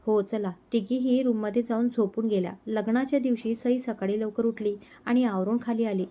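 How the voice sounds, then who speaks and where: A woman narrating a romantic story in a calm, expressive storytelling manner. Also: fairly high pitch, fairly quick.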